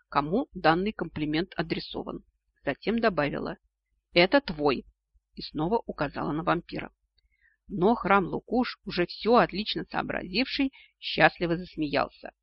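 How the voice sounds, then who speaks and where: Husky high-voiced male narrator. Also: dry recording. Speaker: audiobook narrator. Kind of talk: scripted narration of a novel. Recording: dull lo-fi audio, dry.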